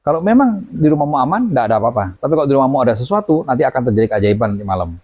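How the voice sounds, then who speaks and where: A man telling a story as a guest in a lively way, acting out the voices of the people in it. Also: medium pitch, rapid-fire, breathy edge. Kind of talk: animated storytelling. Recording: dull lo-fi audio.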